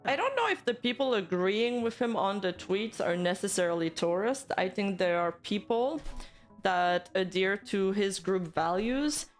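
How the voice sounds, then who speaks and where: Female streamer, casual commentary style, medium pitch, music behind her. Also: expressive, measured pace. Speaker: livestream host. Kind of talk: casual livestream chat and commentary, reading viewer comments.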